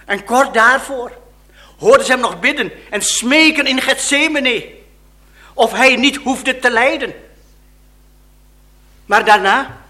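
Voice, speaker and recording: Male preacher, slow deliberate delivery, expressive dramatic sermon storytelling. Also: extremely high pitch.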